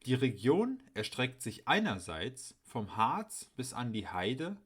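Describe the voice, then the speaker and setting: A man narrating a scripted educational voice-over, explaining clearly and speaking directly to his viewers. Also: medium pitch, big pitch swings, takes it slowly, a bit bright. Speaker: channel host explaining dialects.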